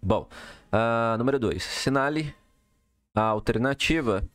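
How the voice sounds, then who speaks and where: A man's voice: medium pitch, measured pace, a bit bright, no room sound. A man teaching a recorded lesson, walking through exercise answers step by step and checking in with the listener often. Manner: explanatory, checks in with "tá?" and "beleza?".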